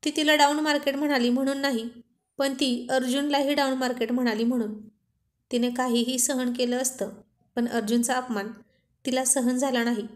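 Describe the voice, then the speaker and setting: A woman narrating a serialized love story in a gentle, even storytelling manner. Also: high voice, moderate pace.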